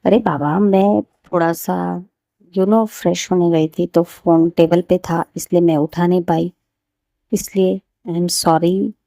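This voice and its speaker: A calm, busy businesswoman wife who soothes, apologizes and teases gently, in a Hindi audio love story, as a woman narrator plays her. The voice is mellow with a gravelly fry, and the recording is dry and close. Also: on the low side, slow, dry recording. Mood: soothing.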